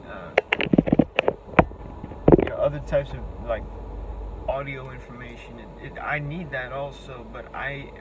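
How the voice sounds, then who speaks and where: A young man in his twenties speaks in a thin, squeaky voice, thinking aloud in an unscripted monologue. He is halting and rambling, often searching for the next word. There is clear background noise throughout the recording. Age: 20s.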